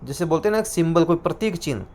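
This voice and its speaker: A man with a Rajasthani Hindi accent teaches an exam-prep class in a fairly high voice. He says each answer more than once and slows down to dictate the terms. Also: expressive, a little mellow.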